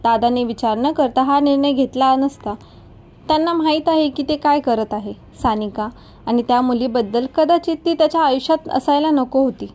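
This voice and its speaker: Storybook figure: a playful young woman friend, teasing but soft and firm, fairly high, mellow voice , read by a female narrator. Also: normal speed, natural voice. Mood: soothing. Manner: teasing yet reassuring.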